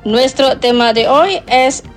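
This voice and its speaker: A woman presenting a radio language lesson, speaking slowly and formally and repeating words clearly for learners. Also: high voice, faint music behind. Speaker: radio language teacher and host. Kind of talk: scripted educational radio presenting.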